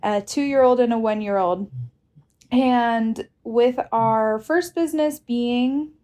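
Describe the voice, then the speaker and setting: Slow-talking woman with a higher voice. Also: mellow. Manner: casual, filler-heavy talk. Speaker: podcast co-host, makeup entrepreneur. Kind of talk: casual podcast chat.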